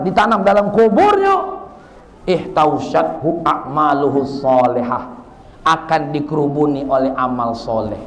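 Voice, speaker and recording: A man preacher with a South Sumatran Malay accent, giving a sermon and teasing his audience with jokes. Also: high voice.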